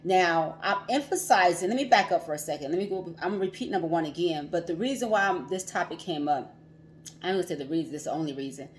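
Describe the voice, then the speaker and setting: A woman's voice: lowish voice, fast, a little hiss or hum. A woman hosting a casual livestream as a financial coach, chatty, laughing often and repeating herself.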